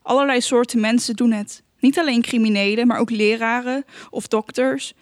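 A woman narrating an audiobook in a calm, measured, even reading voice. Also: fairly high pitch, no echo, clean studio sound. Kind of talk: scripted narration.

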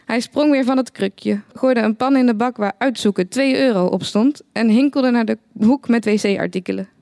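Een vrouw leest een verhaal voor in de ik-vorm, droog en laconiek verteld. Haar stem is vrij hoog en klinkt dicht en droog opgenomen, zonder galm. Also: female voice, on the high side, moderate pace, creaky, no echo. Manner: dry, deadpan first-person narration. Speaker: narrator. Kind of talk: reading a satirical short story aloud.

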